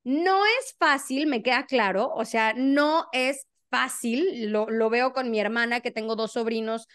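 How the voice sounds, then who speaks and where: A woman's voice: fairly high pitch, a little slow, a bit bright. A woman hosting a talk show, chatty and eager, firing off questions at her guest. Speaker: host.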